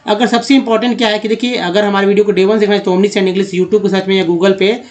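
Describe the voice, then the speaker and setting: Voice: mid-range voice, steady tone, quick pace. A teacher giving an online language lesson, explaining pronunciation patiently, repeating words and drawing out vowel sounds, and often addressing viewers as friends. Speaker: English teacher.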